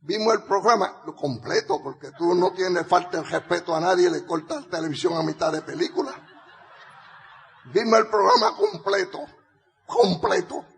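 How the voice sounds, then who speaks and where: Older man, motivational speaker, high voice, gravelly, echoing hall. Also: moderate pace. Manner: animated, builds to rallying shouts, laughs often. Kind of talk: storytelling speech to an audience. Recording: reverberant hall.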